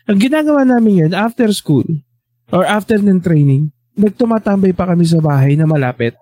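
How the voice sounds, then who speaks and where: A man's voice: high-pitched, expressive, brisk, warm tone, no echo. A man, telling school stories in a casual chat and animatedly voicing the people he quotes.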